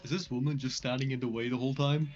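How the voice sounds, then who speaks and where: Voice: mid-range voice, steady tone, quick pace, a little mellow. A player trading teasing, slangy banter casually during a tabletop game. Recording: dull lo-fi, faint music behind.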